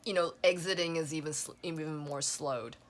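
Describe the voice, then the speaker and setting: A woman giving a casual spoken tarot reading, rambling with many fillers and a voice that is going hoarse. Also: low voice, normal speed, slight background noise. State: losing her voice. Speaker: tarot reader.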